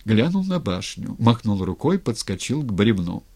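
A man reading a historical novel aloud in an expressive, dramatic way. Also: fairly low pitch, normal speed. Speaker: narrator. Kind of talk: audiobook reading.

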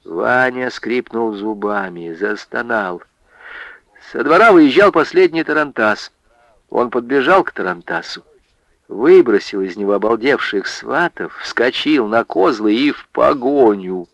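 A man reads a literary story aloud with measured, expressive pacing. His voice sits in a middle register. The radio recording is dull and lo-fi, with a dry, close sound. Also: mid-range voice, no echo. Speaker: narrator.

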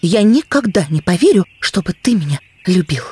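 A man reading aloud and voicing a hurt, reproachful young village girl who pleads in a high voice. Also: very animated, moderate pace, darkish tone, breathy edge, full character voice.

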